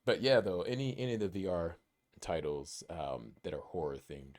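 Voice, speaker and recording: A man's voice: low voice, normal speed, darkish tone. A man in his thirties co-hosting a gaming podcast, chatting casually and enthusiastically with lots of fillers. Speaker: podcast co-host. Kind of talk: casual chat.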